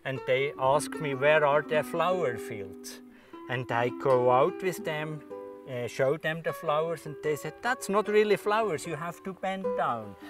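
An older man who keeps an alpine garden, explaining plants slowly and gently outdoors on a mountain meadow. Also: fairly high pitch, over music. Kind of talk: casual chat.

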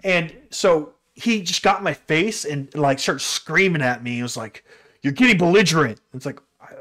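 A man's voice: fairly high pitch, expressive, moderate pace, pushed and bright. A man telling a story about his roommate in an exasperated, incredulous rant full of swearing. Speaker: vlogger telling a personal story.

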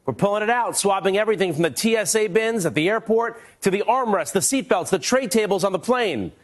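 Delivering a consumer news report, a man in his forties speaks a little fast with a high-sitting voice, energetic and emphatic throughout. The piece takes him from the studio to the airport and onto a plane's cabin.

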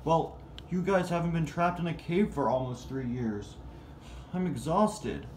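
A man voicing a tired, sneezy male toy car who keeps apologizing in a gentle, worn-out way. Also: on the high side, a little slow, roomy sound, slight background noise, lightly acted. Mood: weary.

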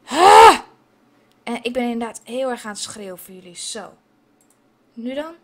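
This time her voice is a little high and slightly mellow, at a normal speed. The gaming video host sits at her computer with headphones, cursing freely, chatting casually with viewers and sprinkling in English expressions.

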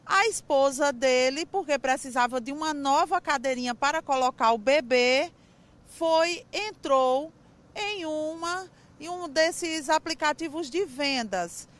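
A woman's voice: high-pitched, measured pace. A woman, reporting live and interviewing people outdoors with a handheld mic. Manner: animated, conversational. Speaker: field reporter. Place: outdoor parking lot.

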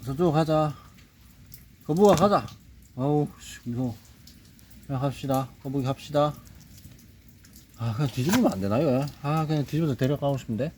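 On a rainy day by a reservoir, a male nature vlogger talks casually to himself as he handles an animal, muttering nervously and urging it on. His voice is mid-range and a little mellow, fairly quick but with long pauses, and background noise is clearly audible in this outdoor recording.

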